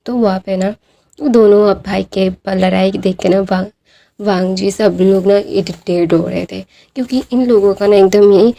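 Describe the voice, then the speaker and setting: A woman's voice: medium pitch, warm tone. A woman casually retelling a fan-fiction story at home, chatty and loose with many fillers. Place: home at night.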